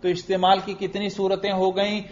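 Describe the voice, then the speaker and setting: Higher-voiced man teaching in a lecture. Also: completely flat delivery, slight background noise. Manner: asks students questions and answers them himself; chants Arabic example phrases slowly. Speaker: religious teacher lecturing on Arabic grammar. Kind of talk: classroom lecture. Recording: dull lo-fi recording.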